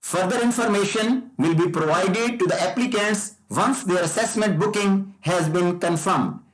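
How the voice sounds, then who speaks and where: A man teaching as a licensing trainer, explaining rules slowly and repeating key points. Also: sits high, poor audio. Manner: slow, repetitive, deliberate explaining. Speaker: driver licensing trainer and tutor. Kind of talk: explanatory lesson presentation.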